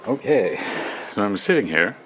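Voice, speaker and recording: A man's voice: fairly low pitch, sing-song, moderate pace, fairly bright tone, soft background music, rough recording. A man chatting to himself in his home kitchen, rambling and absent-minded as he cooks and tidies up. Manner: absent-minded, talks to himself while working. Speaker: home cooking vlogger. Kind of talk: rambling casual cooking commentary.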